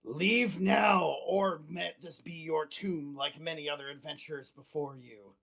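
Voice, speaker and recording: Here is a game master playing a menacing one-eyed monster guarding its lair in a tabletop fantasy game. It speaks in a raspy, imperious voice and threatens intruders. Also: mid-range voice, steady tone, unhurried, fairly bright tone. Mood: dismissive threat.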